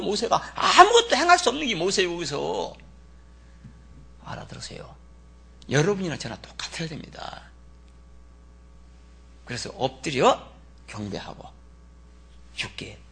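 Animated husky-voiced man preaching. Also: fairly high pitch. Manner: dramatic, shouts in character then drops to near whispers. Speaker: pastor. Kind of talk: sermon with congregation repeating verses.

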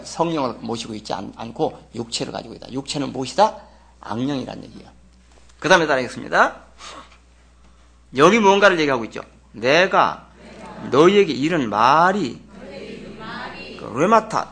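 Speaking with a fairly high pitch and vocal fry, a male pastor leads his congregation in reading along during a sermon. His delivery is emphatic, building to loud stress on key words as he poses rhetorical questions.

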